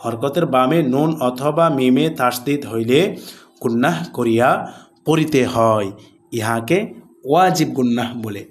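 A man teaching Quran recitation with tajweed rules, explaining patiently and chanting the verses slowly and melodically. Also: mid-range voice, faint music behind. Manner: slow and deliberate, drawing out recited words melodically; patient, repeats words and asks the class questions.

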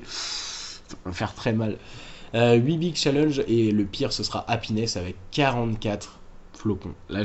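A man's voice: mid-range voice, a little mellow. A man hosting a game walkthrough, talking casually and correcting himself as he explains moves to viewers. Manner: chatty, self-correcting, addresses viewers directly. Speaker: gaming walkthrough host.

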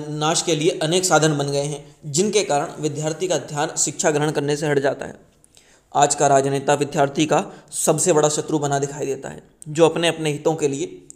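A man reads a book preface aloud for his channel. His voice sits a little high and stays level, with little rise and fall. He reads earnestly and stumbles and restarts now and then. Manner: earnest reading with small slips and restarts. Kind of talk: reading aloud an article.

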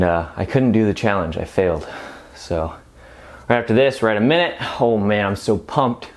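A man in his thirties with a fairly low voice talks informally to camera in a home gym. His delivery is casual and halting, as someone speaking between bouts of exercise. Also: a little mellow. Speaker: fitness vlogger. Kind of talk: casual chat to camera during a workout. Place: home gym room, indoors.

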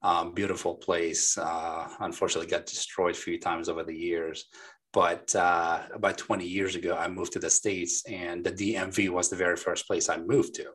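A man from Lebanon in his forties, a business owner, talking casually and warmly as a guest on a video call, with plenty of fillers and restarts. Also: sits low, level tone, moderate pace, slightly rough. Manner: friendly, talkative, frequent fillers and restarts. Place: small dark home studio. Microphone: desk microphone on a boom.

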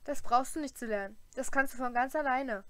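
A woman's voice: a little high, measured pace, a bit bright, dry recording. A woman voicing a catty, snobbish teenage schoolgirl in an audiobook, with a sneering, hissing delivery. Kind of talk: audiobook character voice.

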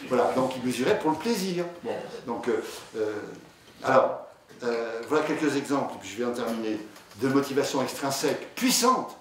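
A man's voice: mid-range voice, sing-song, moderate pace. Man lecturing in an echoey hall. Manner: conversational, hesitant, many fillers and restarts. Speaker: diabetologist giving a conference talk. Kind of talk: lecture with patient anecdotes. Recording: echoey hall, distant mic, faint noise.

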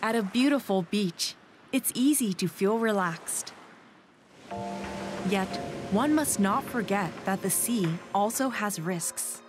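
A woman giving calm, measured scripted narration for a documentary, with music underneath. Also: medium pitch. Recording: voice-over with music bed.

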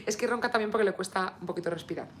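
A woman's voice: medium pitch, rapid-fire, a bit bright. A woman from Spain chatting casually on a live stream, full of fillers and reading viewer comments aloud. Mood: cooing. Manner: coos baby talk at her dog. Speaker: beauty vlogger live streaming.

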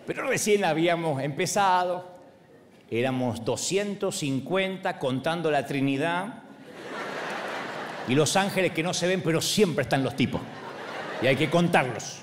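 A man in his forties from Argentina, a pastor with an Argentine accent, preaching a sermon with humorous, animated storytelling. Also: fairly high pitch, a little slow, pauses often, a little hiss or hum. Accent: Argentine Spanish. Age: 40s.

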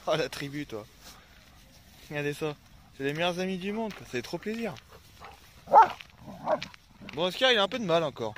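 A man's voice: fairly high pitch, lively intonation, moderate pace, long pauses, noisy background. A man chatting casually in a vlog, swearing freely and cooing at his dogs while filming outdoors on a phone. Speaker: vlogger.

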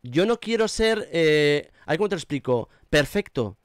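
A man's voice: a little high, expressive, normal speed, smooth, dry recording, studio quality. A man in his forties hosting a live online debate, indignant and talking over the other speaker. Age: 40s. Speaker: YouTube channel host.

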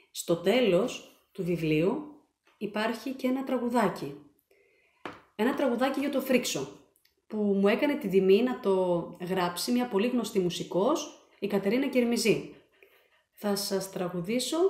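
A woman reading her children's book aloud, with animated, expressive storytelling. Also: medium pitch. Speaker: storyteller and author. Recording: echoey room.

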